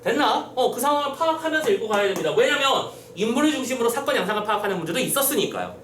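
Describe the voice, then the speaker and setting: Animated high-voiced male tutor, echoey room. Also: rapid-fire, slight background noise. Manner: explains step by step with frequent checking questions; acts out quoted lines in a gruff voice. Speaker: Korean literature tutor. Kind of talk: exam-prep lecture. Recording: roomy echo, slightly distant mic, faint ambience.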